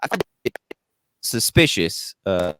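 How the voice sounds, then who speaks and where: A man's voice: fairly low pitch, very animated, slow pace, fairly bright tone, a little hiss or hum. An American man hosting a podcast over a video call, rambling and hesitant, his audio sometimes breaking up. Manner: rambling, hesitant, many restarts. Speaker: podcast host.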